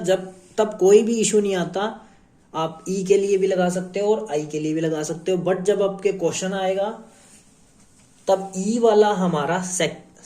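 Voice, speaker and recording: A man with a Haryanvi Hindi accent teaches a shorthand lesson in a slow, unhurried way, pausing often and going back over each point. His voice is mellow and soft-edged. The sound carries the echo of a bare room. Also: high-pitched. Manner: slow, repetitive explaining with many pauses. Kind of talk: classroom lesson explaining strokes on a board. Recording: echoey room.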